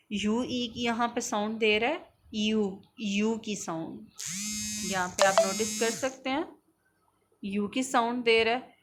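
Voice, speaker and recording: A woman with a fairly high voice, teaching phonics. She moves at an unhurried pace, breaking each word into its sounds before saying it whole. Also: a bit bright. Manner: slow, sounding out letters and words one by one. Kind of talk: phonics lesson.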